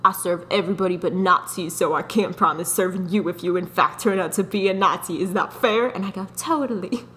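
A young woman co-hosting a podcast, telling a dating story in a casual, animated way, often laughing and mocking herself. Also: lowish voice, a little fast, few pauses. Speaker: podcast co-host.

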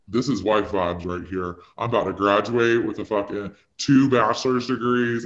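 A man's voice: mid-range voice, echoey room. A young man telling a long personal story in a casual, rambling way, peppered with "like" and dramatic asides. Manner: rambling, full of "like" fillers, dramatic retelling. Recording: dull lo-fi recording.

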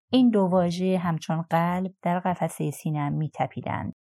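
A woman narrating an audiobook in a calm, measured scripted reading. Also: deep voice.

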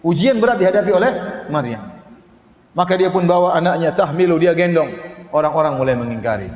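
A man delivers a storytelling sermon in a lively, theatrical way, stretching out Arabic verses slowly. His voice sits somewhat high for a man. The recording carries a long, echoing hall reverb. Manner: lively, dramatizes quoted voices with rising pitch, chants Arabic slowly. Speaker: Islamic preacher.

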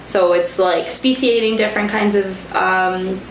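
A woman's voice: mid-range voice, fairly even intonation, unhurried. A woman in her twenties from Kuwait, a microbiologist, chatting casually as an interview guest and laughing easily. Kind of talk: casual conversation. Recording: roomy echo, faint background noise.

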